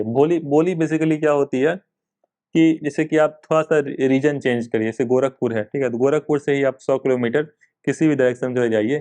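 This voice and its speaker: A man with a mid-range, dark-toned voice teaches an exam coaching class. His Hindi lecture is casual and conversational, sprinkled with English terms, and he often repeats himself and uses fillers.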